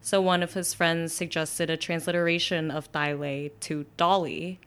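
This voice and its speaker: A woman's voice: low voice, steady tone, normal speed, a bit bright. A young woman from Brooklyn, a guest in an interview, telling her story in a chatty way with many fillers and restarts. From Brooklyn, New York.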